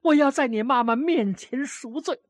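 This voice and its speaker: A woman's voice: high voice, moderate pace, no room sound, voice pushed up, lightly acted. A woman voicing a grieving old grandmother who scolds, then pleads with remorse. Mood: remorseful.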